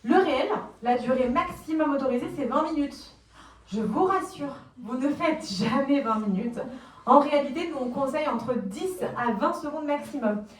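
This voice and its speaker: A woman's voice: high-pitched, animated, moderate pace. French woman speaker in a roomy hall. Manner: explains plainly, asks the audience questions, acts out quotes. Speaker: conference speaker on social media marketing. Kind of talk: lively conference talk. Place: conference room, recorded from a distance. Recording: roomy, distant conference recording.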